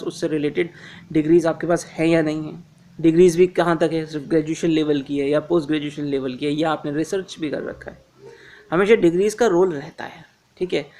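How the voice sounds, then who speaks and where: A man giving informal career advice to viewers, calling them friends, repeating his reminders and often pausing on filler sounds. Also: on the high side, a little mellow. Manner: addresses listeners as friends, frequent "uh" fillers; instructive, repeats key reminders.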